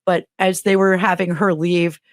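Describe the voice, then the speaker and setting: A middle-aged woman, a teacher who co-hosts a podcast, tells a comic story in casual conversation at a moderate pace. She's animated, acting out the quotes with big jumps in pitch. The sound is dry and studio quality.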